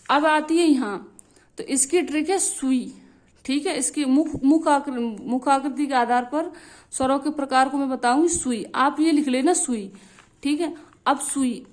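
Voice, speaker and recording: High-voiced woman teacher drilling a lesson. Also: a little mellow. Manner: repetitive, drilling phrases, frequent checks like "theek hai".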